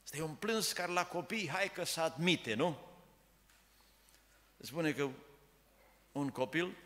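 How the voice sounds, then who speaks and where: A man's voice: a little high, expressive, pushed and bright. Emphatic male preacher in echoey church. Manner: emphatic, rhetorical questions. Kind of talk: sermon. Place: church sanctuary.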